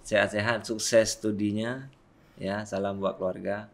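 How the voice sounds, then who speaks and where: A man around forty hosts a casual interview. His voice sits fairly low and has a strong gravelly creak. He talks conversationally, as on a podcast. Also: fairly even intonation, a little slow. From Aceh, Indonesia. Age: 30s or 40s. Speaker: podcast host. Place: small podcast studio, indoors. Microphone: desk microphone.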